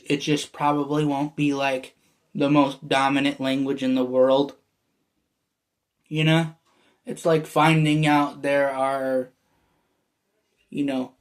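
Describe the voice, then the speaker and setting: A young American man with a fairly high, slightly mellow voice vlogs in a meandering, casual monologue. People tend to mistake his American accent for Canadian, and he fills his talk with fillers and restarts.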